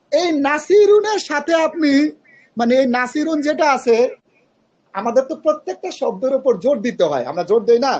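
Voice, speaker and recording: A man's voice: extremely high pitch, husky, lo-fi sound. A man teaching Arabic grammar in an online class, patiently quizzing his students and mixing in English terms.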